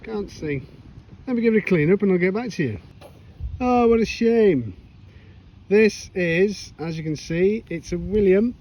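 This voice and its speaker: A man chatting casually to camera as he metal detects in a pasture field, self-deprecating and quick to exclaim. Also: high voice, warm tone, dull audio, slight background noise. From United Kingdom. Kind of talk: casual self-filmed commentary. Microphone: chest cam or handheld camera.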